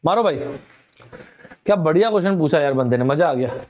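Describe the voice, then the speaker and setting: A middle-aged male teacher with a Hindi accent leads a live online vocabulary class. He talks to viewers like friends in a chatty way, and his voice sits a little high for a man. He slows down to spell out words letter by letter. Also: lively intonation, darkish tone, dull audio.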